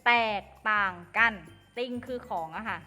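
Woman teacher walking kids through english, slow and careful, bit high pitched, echoey with soft music under. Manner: slow, careful explaining, addresses pupils as "ลูก". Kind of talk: lesson. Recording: long reverb with faint music.

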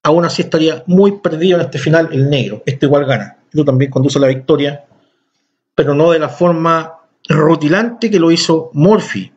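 A man talks through a chess game in a voice pitched a little high. He explains with real enthusiasm and speaks straight to his viewers. The recording sounds dull and lo-fi. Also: moderate pace. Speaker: chess instructor.

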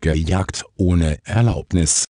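A man's voice: sits low, slow, mellow, no echo, studio quality. A man voicing a friendly grown-up village policeman in an audiobook. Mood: easygoing.

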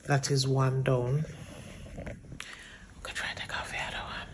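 A woman's voice: low-pitched, creaky, background noise. A woman in her thirties chatting casually to viewers as a vlogger, filming on a phone held at arm's length at home. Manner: chatty, relaxed, direct address to viewers. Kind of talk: casual vlog talk to camera. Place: apartment indoors.

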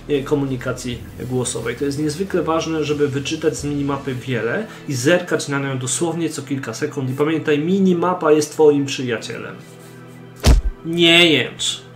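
Emphatic man giving gaming tips. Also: on the high side. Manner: emphatic, exhorting, addresses the viewer directly. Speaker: gaming channel host.

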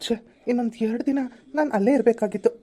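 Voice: mid-range voice, fast talker, dark tone, natural voice. A woman voicing a lovestruck young man with a broken arm in a home-made cartoon. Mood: brooding. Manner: teasing, brooding inner monologue.

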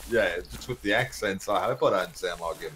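A man's voice: low voice, fairly quick, a bit bright, slight background noise. A man with an Australian accent chatting easygoingly while playing a hunting game with a friend. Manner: easygoing, apologetic. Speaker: co-player on stream. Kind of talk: casual gameplay chat.

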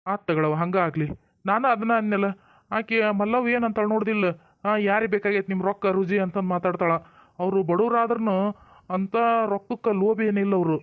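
A man's voice: high-pitched, brisk, no echo, lightly acted. A man with a North Karnataka accent playing a stern but caring village father-in-law, firm and then soothing, in a comedy drama. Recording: tinny phone-like dry sound.

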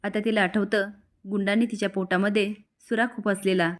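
Woman narrator, steady recap storyteller, plain even delivery. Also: medium pitch, normal speed. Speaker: narrator recapping a TV serial episode.

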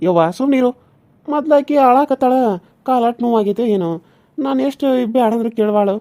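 A woman voicing a gentle young village husband in a cartoon serial, earnest and pleading, with a North Karnataka accent. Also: a little high, brisk, natural voice. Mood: frustrated. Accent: North Karnataka Kannada.

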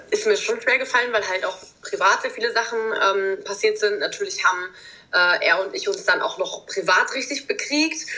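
A woman's voice: medium pitch, sharp tone, rough recording. A woman in her twenties, a guest in a casual interview, talking openly and reflectively over a video call from a room at home. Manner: open, reflective, with many fillers. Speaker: guest, reality TV contestant.

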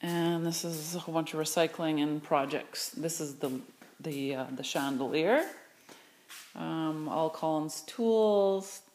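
Holding a phone camera, a woman walks through her large indoor craft studio for a casual vlog tour, rambling eagerly with fillers about her new shelves and storage. Her deep, darkish voice is slow, with slight background noise.

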